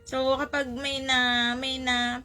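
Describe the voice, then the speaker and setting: A woman preaching a sermon, telling a story in an animated way and repeating phrases for emphasis. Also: high voice, slow pace, faint music behind. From Philippines.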